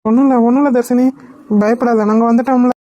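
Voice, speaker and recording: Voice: medium pitch, steady tone, fast, dark tone, dry recording, dull audio, lightly acted. A voice actor doing a grateful, protective brother figure. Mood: earnest. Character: grateful, protective young man, like an elder brother. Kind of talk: cartoon voice acting.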